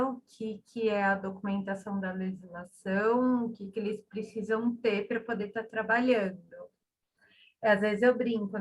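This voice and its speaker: A woman's voice: mid-range voice, muffled recording. A woman, a business owner explaining her work hesitantly in casual chat. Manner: hesitant, fills with pauses. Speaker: business owner seeking advice. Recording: distant from the mic.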